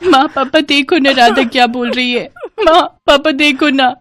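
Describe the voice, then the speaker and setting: A woman voicing a tearful little girl in a cartoon story, high and whimpering. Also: fairly even intonation, normal speed, fairly bright tone, a little hiss or hum. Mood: crying.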